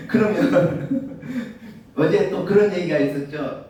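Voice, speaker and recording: A man's voice: high voice, sing-song, takes it slowly, mellow. A male pastor preaching a sermon, asking his listeners rhetorical questions. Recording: very echoey room, mic far off.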